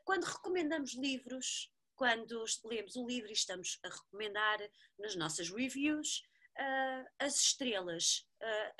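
A woman's voice: a little high, pushed and bright. A woman with a European Portuguese accent moderating a casual podcast chat, hesitant and often laughing. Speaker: podcast co-host, moderator of this episode.

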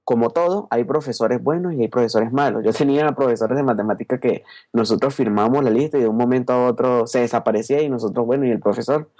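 A young man in his twenties with a Venezuelan accent, speaking from a remote call as an interview guest. His pitch sits in an ordinary middle range. His delivery is casual and a little halting, with frequent check-in tags. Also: a little mellow. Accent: Venezuelan Spanish. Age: 20s. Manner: conversational, tags phrases with 'ok?', frequent hesitations. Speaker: interview guest, podcast listener. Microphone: remote call over Skype.

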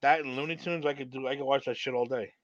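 Male podcast co-host, quick, slangy, emphatic repeats, dull lo-fi sound. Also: mid-range voice, fairly even intonation, no echo. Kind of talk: casual chat, reacting to clips. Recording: dull, dry lo-fi mic.

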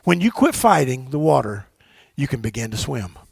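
A man preaching a sermon as pastor in a church, swinging from shouted exhortations to low, quiet asides and leading call-and-response with his congregation. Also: very animated, normal speed, creaky, slightly rough, no echo, studio quality. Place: church sanctuary.

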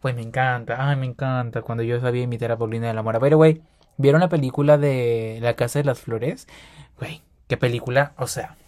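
A young man hosting a solo podcast, rambling fast and animated with slang and self-corrections. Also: mid-range voice. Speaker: podcast host. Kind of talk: casual solo podcast monologue.

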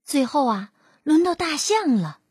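A woman narrating a children's storybook in an expressive, drawn-out manner. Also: high-pitched, dry recording, clean studio sound.

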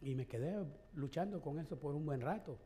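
A man's voice: a little high, lively intonation, brisk, mellow, a little hiss or hum. A male pastor in middle age preaching a sermon in a conversational way, with rhetorical questions and light chuckles.

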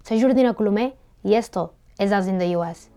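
A woman hosts a podcast interview in a smooth, clear voice of middle pitch. She asks her questions and explains terms for the listeners as she goes. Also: brisk, mellow, faint music behind. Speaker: podcast host.

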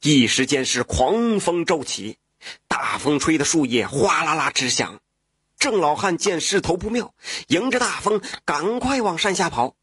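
Husky male folk-tale storyteller. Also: on the high side, no echo, clean studio sound. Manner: lively oral storytelling with spoken fillers.

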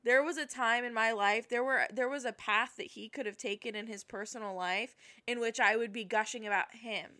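A woman's voice: a little high, fairly even intonation, fairly quick, few pauses, pushed and bright. A young woman co-hosting a podcast, chatting casually and gushing, with lots of "like" fillers. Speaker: podcast co-host. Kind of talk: casual chat.

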